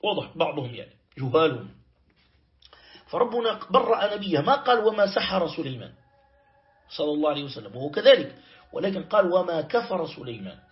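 Man, Quran commentary teacher, fairly high voice, dull lo-fi recording, slow explaining, asks "clear?". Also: sing-song. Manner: explains slowly, quotes verses and checks with "clear?". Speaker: Islamic teacher. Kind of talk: tafsir lesson.

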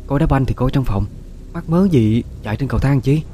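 A man's voice: medium pitch, a little fast, warm tone, soft background music, pitched above the performer's own voice, close to an everyday voice. A man voicing a timid, anxious young daughter-in-law, who pleads and stammers. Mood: worried.

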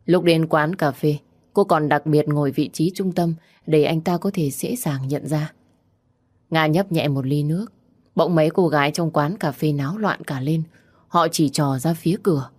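Low-voiced woman narrating a story. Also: darkish tone, no room sound.

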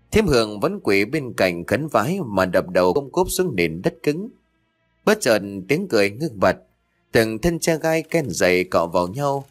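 Man narrating a horror story dramatically. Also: lowish voice. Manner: expressive, dramatic. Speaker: audiobook narrator.

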